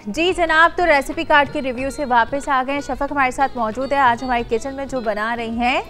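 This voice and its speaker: A woman's voice: high voice, a little fast, a bit bright, soft background music. A woman in her thirties hosting a TV cooking show from a studio kitchen, chatty and talking straight to the viewers. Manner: chatty, addresses viewers directly, many affirming hums. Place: bright studio kitchen set.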